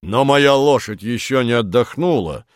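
A man voicing a huge, boisterous, red-cheeked baron who talks in a booming, drawn-out, blustering way, in a storybook reading. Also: animated, no echo, clean studio sound, natural voice. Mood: indignant.

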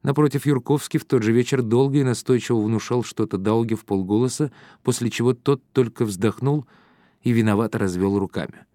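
A man reading an audiobook as the narrator, in a steady, measured way. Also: mid-range voice, no room sound, studio quality. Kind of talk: scripted narration.

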